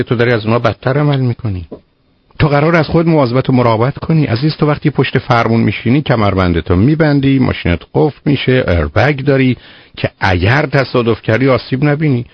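A man's voice: medium pitch, husky, dry recording. A man hosting a call-in advice radio show, counseling a caller in an emphatic way and calling her "dear" again and again. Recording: dull lo-fi radio audio.

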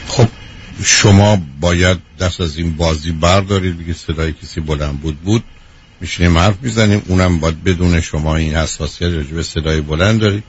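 A man's voice: deep voice, lo-fi sound, slight background noise. A man hosting a call-in advice show, blunt and direct, firing questions at the caller. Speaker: radio advice host.

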